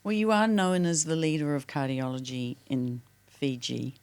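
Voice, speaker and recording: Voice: mid-range voice, fairly even intonation, clean tone. A podcast host asking questions and praising the guest effusively. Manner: effusive and supportive, quick to praise. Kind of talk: casual interview talk.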